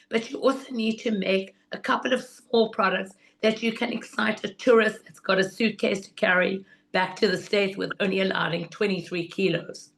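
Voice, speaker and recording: A woman teaches an informal workshop in a medium-pitched voice. Laryngitis leaves it hoarse and rusty, like a voice long unused. She is enthusiastic and instructive as she explains. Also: fairly bright tone. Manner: enthusiastic, instructive, repeats 'in other words'. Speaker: guest teacher of market selling.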